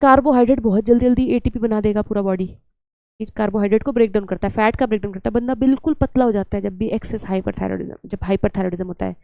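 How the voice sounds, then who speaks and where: A woman's voice: medium pitch, rapid-fire, vocal fry, mellow, no echo. A young woman teaching biology in a chatty, scolding lecture style, often slipping English terms into her talk.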